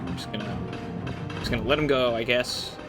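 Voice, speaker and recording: A man's voice: mid-range voice, brisk, loud music behind the voice. A man giving casual, rambling, joking commentary over a video game. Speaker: let's play commentator. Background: game audio.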